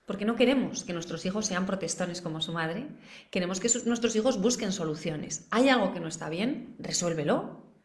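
Educadora de crianza española, tono de preguntas retóricas al público, sonido con mucha reverberación. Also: female voice, medium pitch, lively intonation, normal speed. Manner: asks the audience many rhetorical questions. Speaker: parenting educator. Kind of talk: live online masterclass. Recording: roomy echo.

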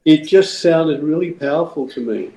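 A man's voice: fairly high pitch, moderate pace, warm tone, poor audio. A man from the Czech Republic, a songwriter guest explaining his music in a thoughtful, rambling way. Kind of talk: casual interview.

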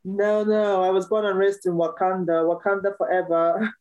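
A woman's voice: medium pitch, little pitch movement, normal speed, darkish tone, dull audio. A woman from Cameroon, a musician guest in a casual interview, talking cheerfully and laughing often.

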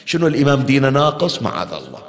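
A man's voice: medium pitch, wildly swooping pitch, rapid-fire. A man preaching in a mourning hall, telling a story with feeling and throwing rhetorical questions at his listeners. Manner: emotive storyteller, asks the crowd rhetorical questions. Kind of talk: Shia mourning sermon storytelling. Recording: long hall reverb.

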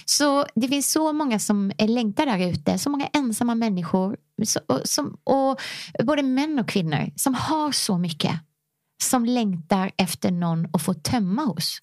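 A woman yoga teacher and coach in a casual podcast conversation, telling stories animatedly and acting out quoted voices, at times guiding slow breathing exercises. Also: fairly high pitch, animated, a little mellow, dry recording, clean studio sound.

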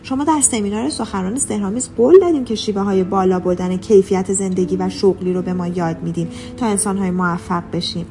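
A woman voicing a calm, composed businesswoman who reassures others in an audiobook, read softly and steadily. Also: medium pitch, hardly any pauses, a little hiss or hum, lightly acted. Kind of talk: audiobook character reading.

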